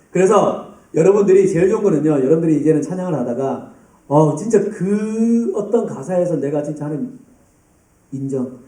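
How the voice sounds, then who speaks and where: Male youth pastor, lively sermon, dark mellow tone, echoey church hall from a distance. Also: fairly high pitch. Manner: lively, addresses students by name and acts out scenes.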